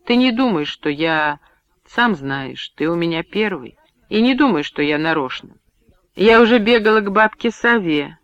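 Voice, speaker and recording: A man's voice: on the high side, lively intonation, unhurried, a bit bright, dull audio. Man voicing a tearful young village woman.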